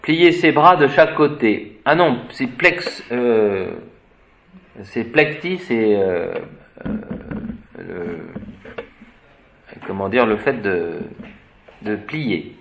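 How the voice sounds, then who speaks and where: Man, slow deliberate etymology teacher, spells words letter by letter, halting and musing. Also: mid-range voice, expressive, fairly bright tone, a little hiss or hum. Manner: hesitant, searches for words with fillers. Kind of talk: unscripted etymology lecture.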